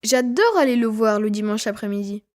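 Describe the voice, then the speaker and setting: A woman's voice: fairly high pitch, animated, brisk, darkish tone. A woman reading a children's story aloud for language learners, telling it expressively in the voice of a twelve-year-old boy. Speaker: reader.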